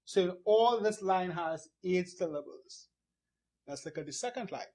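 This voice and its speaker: Slow, high-voiced male poetry teacher. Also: animated, darkish tone, poor audio. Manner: patient, stresses syllables deliberately to demonstrate; annotates a board or screen as he talks. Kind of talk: explanatory poetry lesson.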